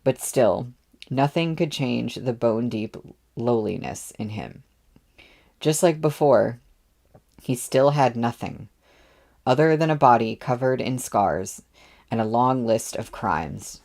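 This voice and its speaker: A man's voice: medium pitch, slow, creaky, pauses often, a little mellow. A man reading a novel aloud as narrator, with offhand asides between passages. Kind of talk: audiobook readalong.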